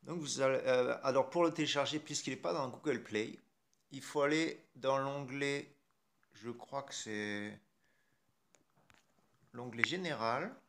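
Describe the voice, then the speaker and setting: Chatty French man with a gravelly voice. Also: medium pitch, a little slow, long pauses. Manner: chatty, irreverent, mild swearing, talks to himself. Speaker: tech tutorial host. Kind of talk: casual screen-recorded tutorial.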